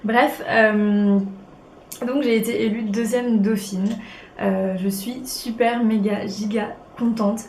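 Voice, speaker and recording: Sniffling from a cold, a young beauty vlogger talks slowly through a makeup tutorial at home, bubbly and casual, with lots of filler words. Her pitch is fairly high and her tone a little mellow, the intonation fairly even. Faint noise and echo fill the room.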